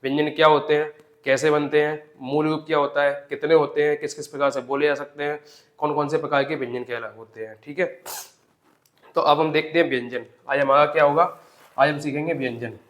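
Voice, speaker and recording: A man's voice: on the high side, steady tone, fairly quick, fairly bright tone. A young man teaching an exam-prep grammar lesson, repeating key points and asking and answering his own questions.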